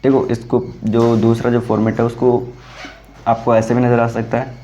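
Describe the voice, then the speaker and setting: A man's voice: medium pitch, completely flat delivery, moderate pace, warm tone, a little hiss or hum. A man teaching an English grammar class in Hindi, explaining step by step, calling his students "beta" and checking if they understood. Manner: explains step by step, asks "samajh mein aaya?"; calls students "beta", repeats "theek hai". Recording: dull lo-fi sound.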